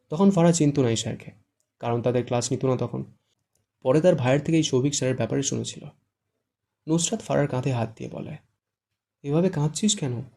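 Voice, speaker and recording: Male audiobook narrator, even storytelling delivery, gravelly and dark. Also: medium pitch. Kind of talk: scripted narration.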